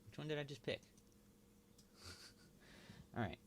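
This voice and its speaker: A man thinking aloud while he works, mumbling and halting as he talks to himself. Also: a little high, lively intonation, a little hiss or hum. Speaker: video host.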